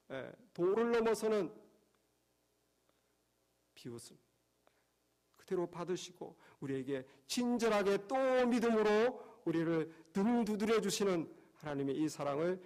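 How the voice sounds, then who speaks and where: High-voiced man preaching emphatically. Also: darkish tone. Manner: emphatic, repetitive preaching with rhetorical questions. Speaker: pastor. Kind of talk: sermon. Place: church.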